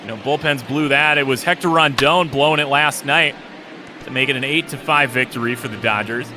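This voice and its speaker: A man's voice: mid-range voice, a little fast, pushed and bright, a little hiss or hum. A man doing casual color commentary on a baseball game, easygoing and enthusiastic.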